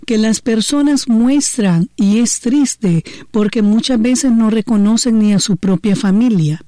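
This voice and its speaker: A woman hosting a radio interview, asking calm, measured questions. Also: a little high, no echo. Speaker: radio host.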